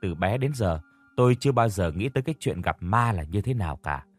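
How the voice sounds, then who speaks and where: A man narrating a first-person ghost story in a steady, measured storytelling manner. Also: lowish voice, no room sound, soft background music.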